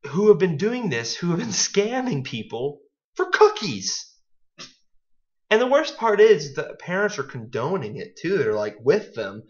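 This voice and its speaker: A man's voice: a little high, sing-song, unhurried. A young man co-hosting a casual podcast, joking and rambling. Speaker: podcast co-host. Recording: dull lo-fi home recording.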